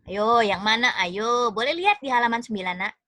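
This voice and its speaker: An Indonesian woman teaches a class online, cheerfully encouraging each pupil by name. Her voice sits high and bright. The sound is dry and close, as on a video call. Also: expressive, a little fast, no room sound. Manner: affectionate, encouraging, calls students one by one.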